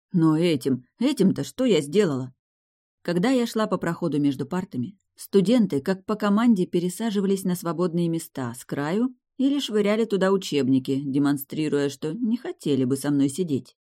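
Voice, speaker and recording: A woman reading a first-person fantasy novel aloud as an audiobook narrator, in a steady, wry storytelling manner. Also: deep voice.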